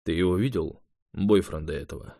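A man voicing a gruff, grumbling senior male mage in an audiobook, speaking curtly, low and quiet. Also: a little fast, no echo, studio quality. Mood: displeased.

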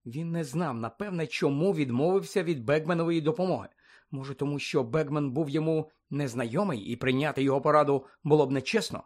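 A man narrating a story aloud in a calm, even reading voice. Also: a little high, quick pace. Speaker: audiobook narrator.

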